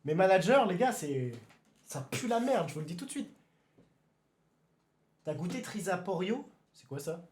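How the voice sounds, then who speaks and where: A young man streaming live, chatting casually with his viewers, excitable and given to sudden shouted exclamations before calming down again. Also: high voice, moderate pace, pauses often. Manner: excitable, bursts into shouted exclamations then calms down. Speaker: livestreamer. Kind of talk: casual livestream chat with viewers.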